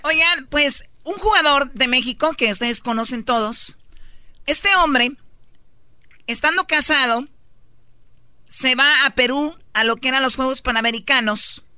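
A woman with a high, bright voice tells a gossip story in a chatty, teasing way. Her voice sounds sharp and close. The room is dry. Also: unhurried, no room sound. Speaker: radio show co-host.

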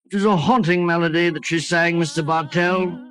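An actor playing a genial older English gentleman doctor who reminisces with hesitant exclamations, in 1940s radio drama style. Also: a little high, fairly even intonation, brisk, close to an everyday voice. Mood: reminiscing.

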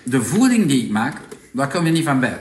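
Chatty Flemish man pitching products. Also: very animated, brisk, echoey room, slight background noise. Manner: chatty and persuasive, peppered with tag questions. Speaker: product presenter. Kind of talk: casual sales pitch.

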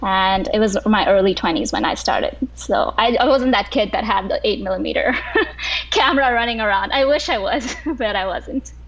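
A woman's voice: mid-range voice, animated, normal speed. A woman from Kuwait, a filmmaker on a panel, answering reflectively with frequent restarts. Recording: slightly dull lo-fi audio.

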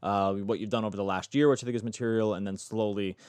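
A man's voice: on the low side, fairly even intonation, fast, darkish tone, clear, resonant tone, no room sound. A man hosting a sports betting podcast, chatty and self-correcting as he talks. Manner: chatty, self-correcting, asks guest questions. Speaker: podcast host. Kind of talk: casual podcast talk.

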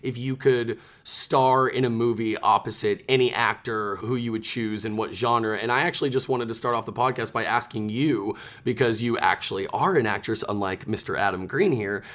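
A man's voice: lowish voice, normal speed, hardly any pauses, a bit bright. A man hosting a podcast, asking long rambling questions full of stumbles and restarts. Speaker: podcast host. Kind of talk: casual podcast banter.

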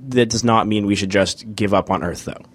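Halting man with a lowish voice. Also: steady tone. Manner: halting, hesitant, with frequent uhs. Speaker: podcast co-host. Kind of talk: casual podcast discussion.

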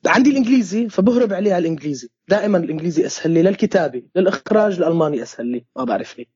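Fast, husky Syrian man from Homs. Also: high-pitched, expressive, a little mellow, no room sound. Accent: Syrian Arabic, Homs. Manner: halting, many restarts, slips into English words. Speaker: playwright and theatre director. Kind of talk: conversational interview answer. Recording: dull lo-fi sound.

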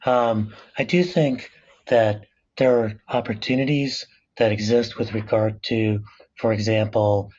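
An American man with a rough smoker's rasp, explaining ideas in a measured, thoughtful interview style. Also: lowish voice, fairly even intonation, a little mellow, dull audio. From Southern California, United States. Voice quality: raspy, rough smoker-like rasp from a speech disorder. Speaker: professor and author, interview guest.

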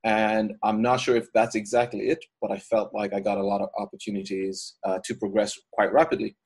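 Guest: male coach, lowish voice, easygoing and reflective. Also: little pitch movement, a little fast, darkish tone, slightly rough. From Ireland. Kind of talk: casual podcast interview.

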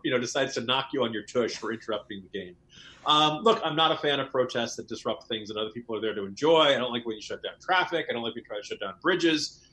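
A man co-hosting a political podcast, chatting casually with wry, sarcastic jokes. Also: medium pitch. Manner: wry, joking, animated. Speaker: podcast co-host.

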